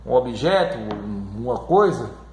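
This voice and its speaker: A man teaching a grammar lesson, repeating words slowly and checking in often with his listeners. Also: medium pitch, expressive, soft background music. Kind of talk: classroom lesson on syllables. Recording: echoey room.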